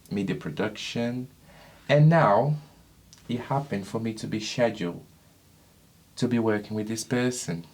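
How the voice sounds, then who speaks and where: A man with a very low voice co-hosts a casual podcast in a dry, sardonic way. He calls himself grumpy and deflates things with deadpan asides. He grew up in Brazil. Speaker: podcast co-host.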